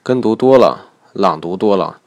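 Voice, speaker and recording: A man's voice: low voice, expressive, moderate pace, a little mellow, no echo. A man teaching English pronunciation in a recorded lesson, explaining each point in a methodical way.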